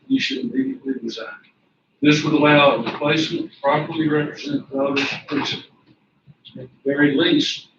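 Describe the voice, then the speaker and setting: Man, public commenter. Soft-spoken, formal letter reading; slightly high voice, far from the mic in a roomy space. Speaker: public commenter at county court. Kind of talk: reading a prepared letter aloud. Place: county commissioners courtroom. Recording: echoey, distant, dull and noisy.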